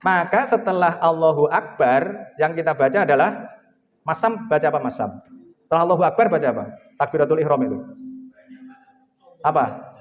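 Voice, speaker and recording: A man's voice: on the high side, expressive, moderate pace, long pauses, a little hiss or hum. Man lecturing in an echoey hall. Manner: questions the audience directly; chants Arabic prayer phrases. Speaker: lecturer at a forum. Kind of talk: religious lecture to a live audience. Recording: echoey hall, dull lo-fi sound.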